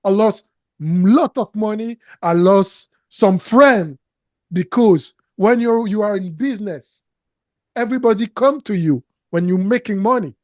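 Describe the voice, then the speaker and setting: Speaking French as his first language, this Canadian business coach gives an earnest interview in a high, slightly mellow voice with no echo. His delivery is slow and emphatic, marked by non-native grammatical slips and a French accent.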